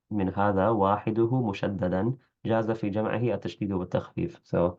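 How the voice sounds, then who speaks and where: A man's voice: lowish voice, muffled recording. A man teaching a class. He reads a classical Arabic text aloud, stops to comment in English and corrects his own slips as he goes. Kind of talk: reading aloud and explaining in a class.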